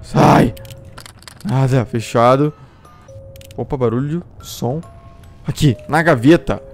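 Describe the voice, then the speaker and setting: A man's voice: mid-range voice, slow, a little mellow. A man commenting on a horror game as he plays, jumpy and talking to himself about what to do. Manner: jumpy, exclaims and yelps at scares; talks to himself, asking what to do. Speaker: gameplay streamer. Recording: game music faint behind.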